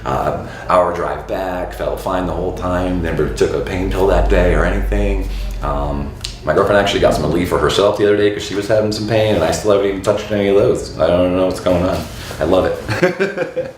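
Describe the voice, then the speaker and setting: A man's voice: low-pitched, fairly quick. A man in his thirties from Florida talking casually and frankly to camera as a dental patient, with lots of fillers. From Florida, USA. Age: 30s. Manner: relaxed, frank, many fillers and um's. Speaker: dental patient giving a testimonial. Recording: very echoey room with faint background noise.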